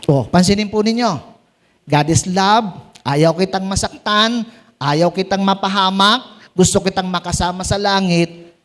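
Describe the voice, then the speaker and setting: A man with a high voice leads a church prayer meeting. He preaches in an animated way, quizzing the room and joking as he goes. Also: unhurried. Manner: animated, asks the congregation questions and jokes. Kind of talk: Tagalog sermon at a prayer meeting.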